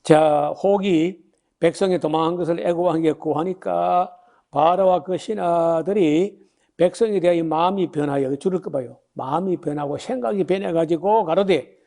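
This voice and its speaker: An older male pastor in his sixties teaches from the Bible in a loose, chatty sermon style. His voice sits high for a man but sounds soft and mellow. He stops often to throw questions at his listeners and reads verses aloud before he explains them. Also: moderate pace, vocal fry. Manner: conversational, many fillers and rhetorical questions; reads scripture passages aloud then explains.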